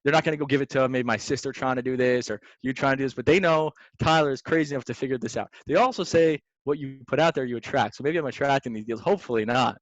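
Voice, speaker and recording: A young man, a real estate investor, telling stories in a casual podcast chat, slangy and lively, calling people "man" and "dude". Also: medium pitch, quick pace, hardly any pauses, no echo. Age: young adult. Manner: animated, slangy, says "man" and "dude" often. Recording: dry, slightly dull sound.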